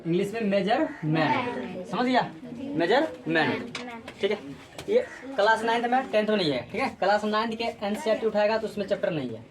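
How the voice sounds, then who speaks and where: A woman's voice: medium pitch, expressive, normal speed, crowd noise. Drilling woman physics teacher. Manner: drills students with repeated call-and-response questions. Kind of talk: classroom lecture.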